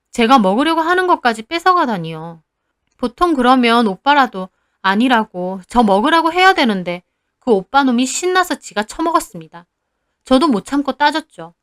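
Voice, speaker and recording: Indignant woman narrating a story. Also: on the high side. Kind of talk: first-person story narration.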